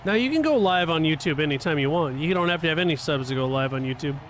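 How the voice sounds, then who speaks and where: A relaxed man with a fairly high voice chats loosely with his stream audience and chuckles between remarks. Faint game engine noise hums behind him. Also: fast. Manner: laid-back, chuckling, talks to chat while racing. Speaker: live streamer. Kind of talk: casual gaming stream chat.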